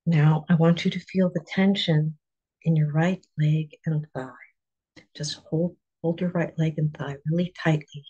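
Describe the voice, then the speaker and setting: A relaxation guide leading a guided muscle relaxation in a soft, calm, partly whispered voice, counting slowly to five between steps. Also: medium pitch, husky, highs cut off.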